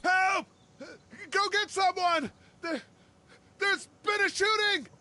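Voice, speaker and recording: An actor playing a wary, level-headed man in handcuffs in a video game, with a grounded, natural delivery that breaks into frantic shouts. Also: very high voice, slow pace, no echo, heavily acted. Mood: shouting.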